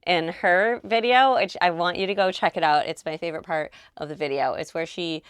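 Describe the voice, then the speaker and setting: A woman's voice: on the low side, brisk, smooth, no room sound. A woman vocal producer walking through her track in a recording studio, chatty and gushing with slang. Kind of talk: casual studio walkthrough.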